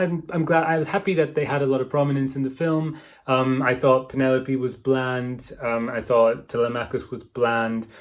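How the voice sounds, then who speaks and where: A man giving a casual, opinionated review to camera, rambling with lots of fillers and tag questions, talking enthusiastically into a close mic. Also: medium pitch. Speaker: book and film reviewer.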